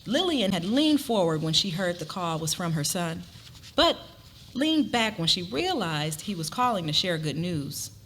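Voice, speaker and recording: Before a live audience, a woman with a lowish, fairly bright voice narrates a scripted story expressively. Her delivery is sing-song and unhurried, and the live recording carries clear ambient noise.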